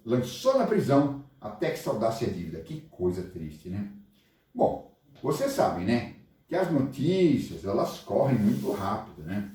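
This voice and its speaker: A man with a Brazilian accent, a preacher telling a Bible story to children and asking them questions. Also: medium pitch. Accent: Brazilian Portuguese. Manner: animated, asks the listeners questions. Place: church hall. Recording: echoey hall, voice far from mic.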